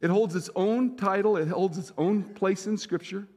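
A man serving as senior pastor, preaching a sermon in a relaxed storytelling way and repeating phrases for emphasis. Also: high voice, moderate pace, in a large hall.

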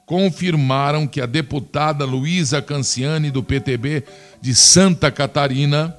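A man's voice: fairly high pitch, unhurried, soft background music. A man from Brazil giving opinionated political commentary, indignant and scornful, talking straight to his listeners.

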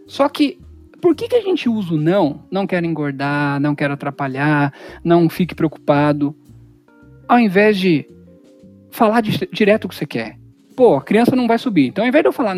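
A communication instructor, teaching in a loose, slangy lecture style. The pitch swings widely as the speaker acts out quoted examples in different voices. Soft music plays in the background. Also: slightly rough. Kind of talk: informal lecture.

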